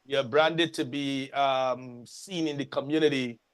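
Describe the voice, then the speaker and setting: A man with a voice of ordinary pitch chairs a community association meeting. He speaks formally and welcomingly, calling on people by title and inviting them to share their work. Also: steady tone, unhurried, clean tone.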